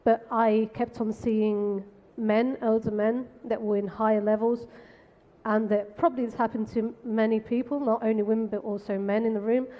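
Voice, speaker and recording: A woman from the Canary Islands in Spain, speaking on a tech panel in a brisk, frank, self-deprecating way. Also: on the high side, flat delivery, lo-fi sound. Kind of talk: conversational panel talk. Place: conference stage. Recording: long hall reverb.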